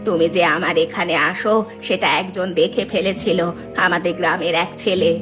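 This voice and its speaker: A woman voicing a kindly old village woman who speaks in a gentle, soothing, motherly way. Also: lowish voice, steady tone, normal speed, pitched below the performer's own voice, close to an everyday voice. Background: background music.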